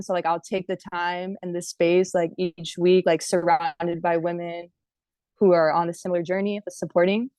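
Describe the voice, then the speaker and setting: A woman from Hawaii chats casually on a video call as a course participant, using lots of filler words and laughing now and then. Her voice is lowish with a darkish tone, and there's no room sound.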